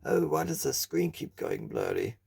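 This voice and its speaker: A man's voice: extremely low pitch, wildly swooping pitch, normal speed, creaky, darkish tone, breathy edge. A man giving rambling, self-mocking commentary over his own gameplay. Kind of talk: casual let's-play commentary.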